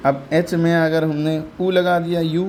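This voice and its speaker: A man's voice: fairly high pitch, level tone, measured pace, a little mellow, slight background noise. A man teaching English reading, patiently repeating each sound and quizzing his learner step by step. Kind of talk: step-by-step phonics lesson.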